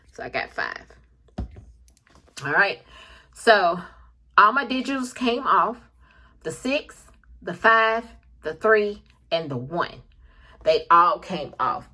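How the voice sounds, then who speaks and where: A woman's voice: mid-range voice, a bit bright. A woman vlogger casually walking viewers through her shopping haul, calling them y'all and checking in with "okay?" after most points. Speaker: couponing vlogger.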